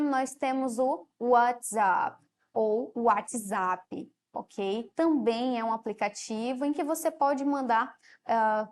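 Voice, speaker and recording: A woman with a Brazilian Portuguese accent, teaching a televised classroom lesson and explaining step by step, often closing phrases with a softer "ok?". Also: a little high. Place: studio.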